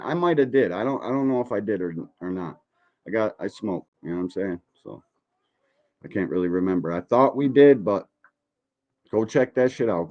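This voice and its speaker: Medium in pitch, with the high frequencies cut off, this voice belongs to a man in his forties running a reaction livestream. As he reacts to a video, his commentary is blunt, emphatic and profane, with plenty of rhetorical questions.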